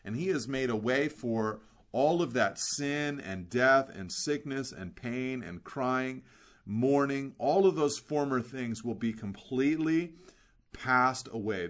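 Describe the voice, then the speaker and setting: A man preaching a sermon in an earnest way, slowing down to stress key words and asking rhetorical questions. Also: mid-range voice, fairly bright tone. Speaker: pastor.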